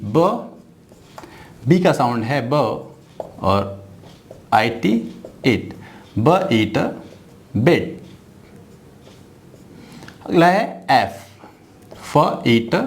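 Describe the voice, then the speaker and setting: A man teaching an English phonics lesson at a board, drawing out and repeating each sound. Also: mid-range voice. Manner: slow, drawn-out, repeating sounds.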